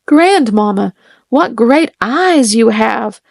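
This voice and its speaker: A woman voicing an innocent little girl who speaks slowly and wonderingly. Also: a little high, animated, creaky, no echo, studio quality, exaggerated voice.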